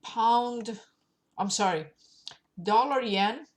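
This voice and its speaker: Slow nasal woman with a cold. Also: a little high. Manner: slow, thinking aloud over charts. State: has a cold. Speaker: forex trading channel host. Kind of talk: casual market forecast walkthrough.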